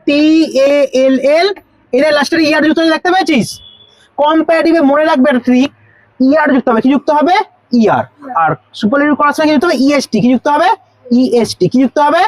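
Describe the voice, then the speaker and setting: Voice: high voice, no room sound, low-quality recording. A tutor with a Bengali accent teaching grammar to school students, asking questions, repeating the answers and spelling words out letter by letter.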